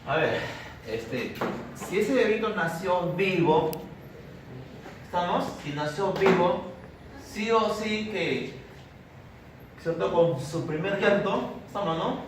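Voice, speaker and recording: A man's voice: sits high, animated, takes it slowly, long pauses. Peruvian man lecturing in an echoey classroom. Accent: Peruvian Spanish. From Peru. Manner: checks in constantly with "¿cierto?" and "¿estamos?". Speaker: physiology lecturer. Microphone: distant camera mic. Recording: echoey, far from the mic, noisy room.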